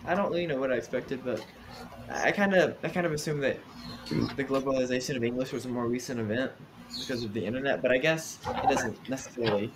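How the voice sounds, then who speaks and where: A young man co-hosts a podcast and asks his guest questions in a polite, easygoing way. His voice sits at an ordinary middle pitch for a man. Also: fast, background noise. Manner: polite, brief acknowledgments. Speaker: podcast co-host. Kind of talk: interview questions.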